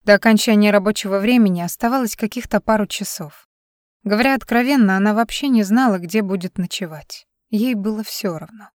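A woman reading a novel aloud in a steady storytelling manner. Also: mid-range voice, brisk, dry recording, clean studio sound. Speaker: audiobook narrator. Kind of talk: scripted narration.

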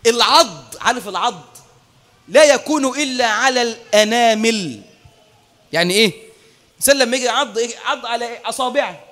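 An Egyptian man preaches a sermon in a very high, bright and forceful voice. He drops to quiet asides, then shouts and stretches out recited verses. The sound carries a long hall reverb. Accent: Egyptian Arabic. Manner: swings between quiet asides and shouted, drawn-out Quranic recitation.

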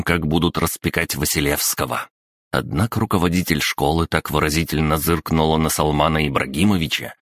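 Man, very deep voice, audiobook narration, measured pace, dry close sound. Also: fairly bright tone, no room sound. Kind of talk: scripted narration.

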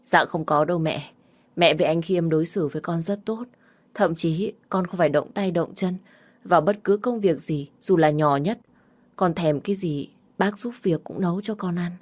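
A woman's voice: on the low side, normal speed, natural voice. A woman voicing a scheming, vengeful young woman in a narrated story. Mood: meek.

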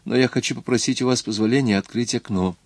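A man's voice: mid-range voice, fast talker, a little mellow, no echo, voice pushed up, lightly acted. A man reading the part of a pale, nervous, polite young lady in an audiobook. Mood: faint.

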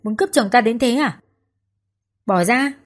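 A woman voicing a jealous, furious young woman who has been jilted, shouting insults. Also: animated, a little slow. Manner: shrill, screaming, insulting.

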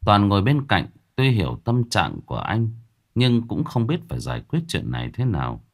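A man narrating a ghost story in a dramatic, expressive way. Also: lowish voice, normal speed, vocal fry.

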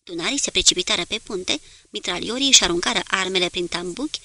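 A woman narrating a war novel as an audiobook, in a steady, measured storytelling manner. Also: lowish voice, no room sound.

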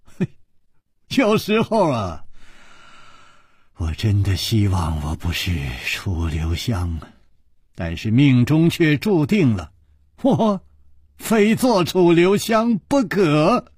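A man voicing a calm, gentle, worldly male hero who speaks softly and evenly in a storybook reading. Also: a little high, breathy edge, dry recording, clean studio sound, exaggerated voice. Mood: wry. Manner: soft, measured speech.

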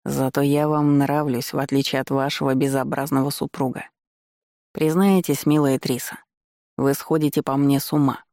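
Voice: mid-range voice, level tone, normal speed, warm tone, dry recording, clean studio sound, close to an everyday voice. Чтец озвучивает насмешливого, самоуверенного молодого лэрда, говорит вкрадчиво и неторопливо. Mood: дразнящий. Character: насмешливый обаятельный молодой лэрд-мерзавец. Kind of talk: чтение аудиокниги по ролям.

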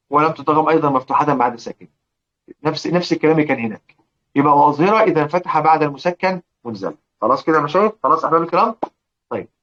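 A man's voice: fairly high pitch, fairly bright tone, muffled recording. A man teaching Quran recitation rules in an Egyptian Arabic accent, often checking that his listeners follow and repeating words aloud to demonstrate.

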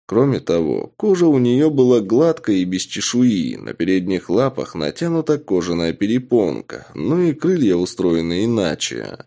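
A man narrating a fantasy audiobook in the first person, with expressive storytelling. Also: fairly low pitch, normal speed, creaky, few pauses.

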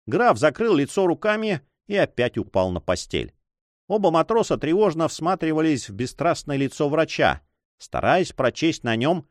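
A man reads a story aloud in an expressive storytelling manner. His pitch rises and falls in lively swings. The recording is dry and close. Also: dry recording. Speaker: audiobook narrator. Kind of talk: scripted narration.

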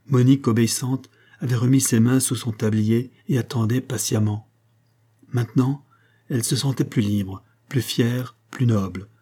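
Husky, mellow male narrator. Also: mid-range voice, steady tone, moderate pace. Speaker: audiobook reader. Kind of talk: literary audiobook narration.

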